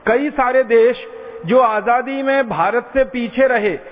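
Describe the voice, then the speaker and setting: A man from India delivers an impassioned public lecture, hammering each point home with repeated parallel phrases. His voice is very high and his pace slow. The sound is tinny, like a phone, in a reverberant hall.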